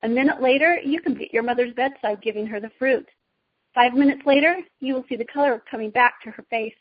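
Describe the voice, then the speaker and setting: A woman's voice: on the high side, fast talker, slightly rough, dry recording, highs cut off. A woman voicing a proud, tempting evil witch queen from a storybook, with an imperious, persuasive manner. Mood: coaxing.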